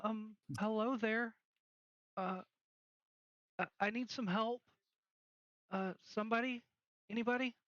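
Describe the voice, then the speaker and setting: Casting: man putting on a shy little ghost girl, stammering, bright high voice, dull lo-fi sound. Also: steady tone, slow pace, pauses often, no echo. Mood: pleading. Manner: hesitant, stammering, pleading. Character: small lost ghost girl trapped in a book.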